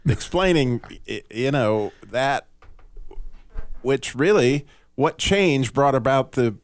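A man's voice: mid-range voice, animated, slow pace, dry recording. A man with a mid-range voice hosts a radio talk show with playful banter. He starts sentences over as he steers the conversation, and his studio sound is dry and close. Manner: playful, joking, hesitant with many restarts. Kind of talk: casual radio host banter.

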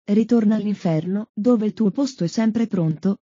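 A male exorcist priest gives solemn orders to a demon, read by a woman. He speaks slowly, in a very dark and husky tone. The recording is dull and dry. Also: mid-range voice, no echo, natural voice. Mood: commanding. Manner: slow, solemn commands.

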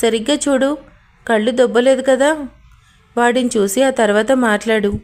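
A woman's voice: on the high side, steady tone, moderate pace, darkish tone, close to an everyday voice. A woman voicing a cheeky, cocky young man who teases his friend in an audio story. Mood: teasing. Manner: teasing, cocky. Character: skinny cheeky young male friend, joker.

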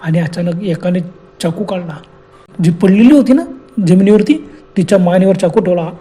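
Mellow-voiced male horror storyteller. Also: high voice. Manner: slow, emphatic, repetitive storytelling. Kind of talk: dramatic horror story narration.

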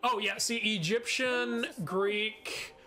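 A man's voice: sits high, fairly even intonation, takes it slowly, music in the background. A young man hosting a game stream, chatting and joking casually with laughs. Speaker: streamer host. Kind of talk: casual let's-play chat.

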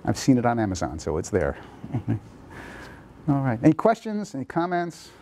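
A man, a pediatrician, giving a lively lecture on parenting to an audience in a lecture room, acting out children's thoughts as he goes. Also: medium pitch, a little fast, a little hiss or hum. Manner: lively, animated, acts out kids' thoughts.

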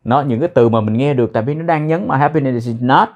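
Man drilling English phrases slowly. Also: medium pitch, dull audio. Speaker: English teacher. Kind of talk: explaining English phrases in a lesson.

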